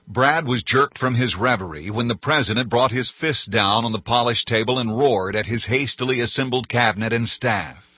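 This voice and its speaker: A man narrating an audiobook in a measured, even reading. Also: medium pitch, breathy edge, no echo. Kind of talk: scripted narration. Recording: dull, dry studio sound.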